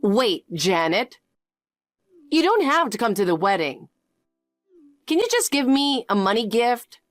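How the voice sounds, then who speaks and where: A woman voicing a greedy, pushy middle-aged birth mother who talks in a demanding, shrill way. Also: big pitch swings, a little slow, dry recording, faint music behind. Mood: pleading. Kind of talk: animated story voice.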